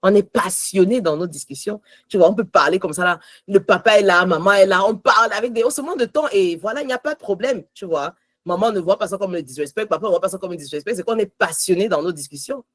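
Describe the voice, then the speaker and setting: Passionate husky-voiced woman teaching. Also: medium pitch, fast, no echo. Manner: passionate, switches between French and English. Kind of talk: devotional teaching on marriage.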